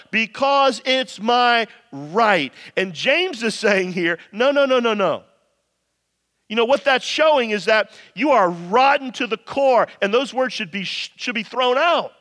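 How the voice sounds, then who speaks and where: A pastor with a high, fairly bright voice preaches a sermon to his congregation in an emphatic, conversational way. He speaks to listeners directly, using rhetorical questions and repetition, and the recording carries a long hall reverb.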